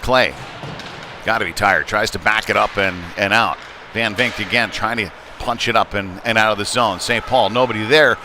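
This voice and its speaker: At normal speed and with a fairly low voice, a man gives casual, conversational play-by-play of a hockey game, breaking into excited calls as the play intensifies. The recording is a noisy live stream from an indoor ice rink, with rink ambience and clear background noise throughout.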